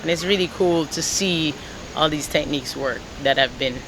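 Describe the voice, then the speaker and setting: Low-pitched and moderately paced, this woman speaks against a noisy background. She's a singer and guitarist from Jamaica, relaxed and rambling in an interview as a guest, with plenty of "like" and "you know" fillers.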